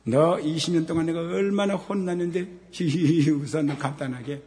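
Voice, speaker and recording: A middle-aged man preaching a sermon as pastor, moving from quiet talk to shouted scripture and asking questions he then answers himself. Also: on the high side, normal speed. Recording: long hall reverb.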